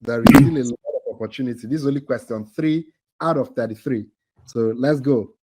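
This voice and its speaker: A man's voice: mid-range voice, a little fast, a little mellow, poor audio. A man hosting a live online quiz for a training cohort over a video call, teasing the players and laughing often.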